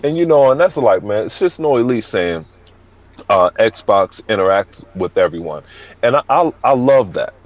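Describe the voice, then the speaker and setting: A man's voice: fairly low pitch, animated, normal speed. A man in his fifties co-hosting a podcast, speaking emphatically and with scorn. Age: 50s. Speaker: podcast co-host. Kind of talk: casual podcast banter. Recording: dull lo-fi audio.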